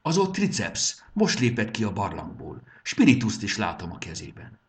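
Male narrator doing eager, restless companion, excitable, animated low voice, storybook. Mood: excited. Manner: excited, pointing things out.

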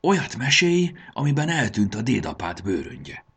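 A man's voice: fairly low pitch, wildly swooping pitch, a bit bright, slightly rough, pitched above the performer's own voice, heavily acted. A man reading a storybook aloud and voicing a friendly, shrewd old talking suitcase with a cheerful, bargaining manner. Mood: coaxing.

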